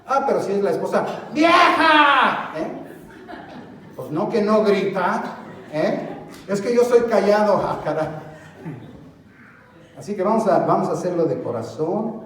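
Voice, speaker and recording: Pastor preaching in an echoey hall. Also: male voice, on the high side, moderate pace, long pauses, far from the mic, slight background noise. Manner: lively, acts out little scenes and calls for congregation responses. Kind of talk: sermon. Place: church sanctuary. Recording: echoey church hall, voice from afar.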